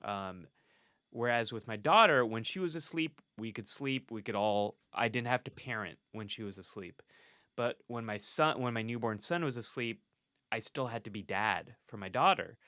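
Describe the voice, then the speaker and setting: A man with a bright, forward voice talks candidly as a psychologist being interviewed. He is earnest and reflective and breaks into laughter between thoughts. The sound is close and dry, with no room around it. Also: lowish voice, moderate pace, no echo. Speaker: clinical psychologist, podcast guest. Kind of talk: candid conversational storytelling.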